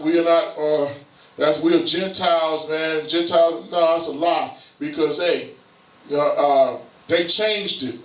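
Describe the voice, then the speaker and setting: A man's voice: a little high, pushed and bright. A man giving a casual sermon in a church, talking in a loose, conversational way and often asking "you know what I'm saying?". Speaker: preacher. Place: church sanctuary. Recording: roomy church sound from a distant mic.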